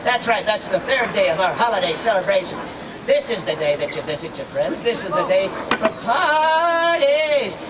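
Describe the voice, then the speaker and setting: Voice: medium pitch, sing-song, normal speed, recorded from a distance, close to an everyday voice. A performer playing a jolly, mischievous Christmas gnome, teasing and exclaiming in theatrical live storytelling to a crowd. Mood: playful. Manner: playful, teasing, sing-song, exclaiming. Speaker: costumed storyteller. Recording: noisy outdoor crowd, voice from afar.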